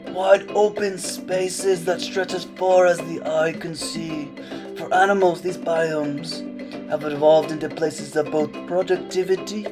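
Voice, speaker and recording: A young man narrates a parody wildlife film in a hushed, mock-solemn tone. He takes his time over every phrase, and his voice sits a little high. Guitar music plays clearly underneath. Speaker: student narrator of a parody nature documentary. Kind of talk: mock nature documentary narration.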